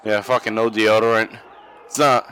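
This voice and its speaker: Bright-voiced guy cursing through wrestling. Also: fairly low pitch, level tone, moderate pace, a little hiss or hum, rough recording. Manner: profane, laughing, goofy. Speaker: podcast co-host. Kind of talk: casual watch-along commentary.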